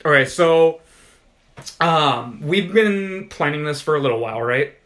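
A man's voice: fairly high pitch, animated, unhurried, fairly bright tone. A man co-hosting a podcast in casual chat, rambling with lots of fillers and restarts. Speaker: podcast co-host.

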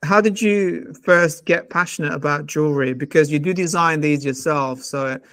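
Podcast host man, slightly high. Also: moderate pace, a bit bright, dry recording, clean studio sound. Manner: friendly, asks long questions. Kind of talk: interview host.

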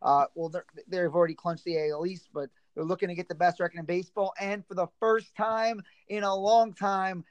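Man, high pitch, from New York, sports podcast host, teasing and animated, casual, dry close sound. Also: brisk, hardly any pauses, dry recording.

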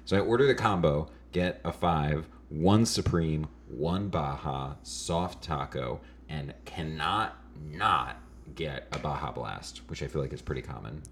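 A man's voice: unhurried, a little hiss or hum. A man chatting casually as a podcast guest, wry and joking. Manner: wry, joking, lively swings in pitch.

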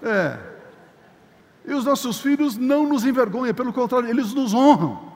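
Older male pastor, high voice, emphatic sermon delivery with repeated words, echoing church hall. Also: expressive, normal speed, darkish tone, slight background noise. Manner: emphatic preaching, repeats key words, acts out church members. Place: church sanctuary.

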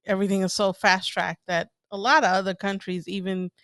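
A woman co-hosting a casual chat, speaking in a relaxed, reflective way. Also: medium pitch, a little fast, no room sound, clean studio sound.

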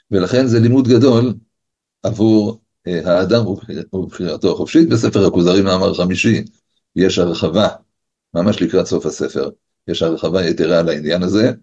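Low husky rabbi over a dull video call. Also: male voice, darkish tone. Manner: argues by asking and answering his own questions. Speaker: rabbi teaching a class. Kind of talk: Torah lesson, lively rhetorical questions.

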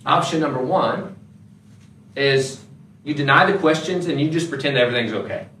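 A male pastor delivers a sermon in a loose, conversational style, animated and quick to act out little asides. His voice sits at an ordinary pitch and carries through a roomy church space, picked up from a distance. A faint hum of background noise sits under it. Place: church sanctuary.

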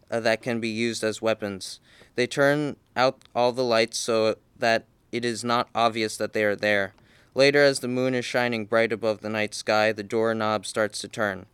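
A man reading a story aloud in an amateur way, with halting restarts and slips. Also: medium pitch, a bit bright, clear, resonant tone, no room sound. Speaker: reader.

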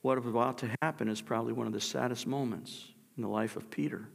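A man's voice: mid-range voice, steady tone, quick pace, creaky, breathy edge, big-room sound. A male pastor preaching a sermon, explaining the text and asking rhetorical questions of the congregation.

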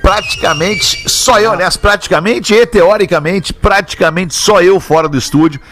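A man's voice: sits high, normal speed, a bit bright, faint music behind. A man with a southern Brazilian gaúcho Portuguese accent, presenting a radio show casually as its host.

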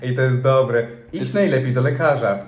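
A young man of ordinary pitch chats loosely and swears freely. He laughs often and reads forum posts aloud. The room around him echoes. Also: normal speed, muffled recording, a loud crowd. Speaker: podcast co-host. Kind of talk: casual chat.

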